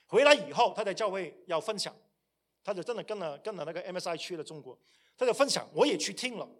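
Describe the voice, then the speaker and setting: Animated, high-pitched male preacher. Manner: animated storytelling, acting out quoted voices. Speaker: pastor and seminary teacher. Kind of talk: sermon.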